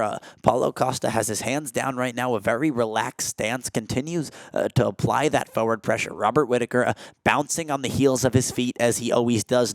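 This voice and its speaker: A young play-by-play commentator calls a martial arts fight, filling gaps with frequent "uh"s and jumping up in pitch and volume when big strikes land. There is no room sound.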